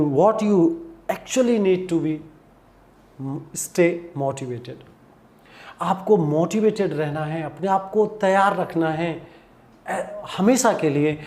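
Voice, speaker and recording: Male online English teacher, upbeat and encouraging, voice sitting a bit high, switches into English phrases mid-sentence. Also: a little mellow. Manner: encouraging, addresses viewers as friends; mixes English phrases into his talk. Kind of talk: motivational video lesson.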